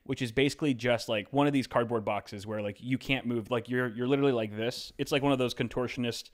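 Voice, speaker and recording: A man's voice: medium pitch, steady tone, fast. A man co-hosting a podcast, telling stories in a loose, rambling way full of fillers. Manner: rambling, filler-heavy storytelling. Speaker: podcast co-host. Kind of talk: casual chat.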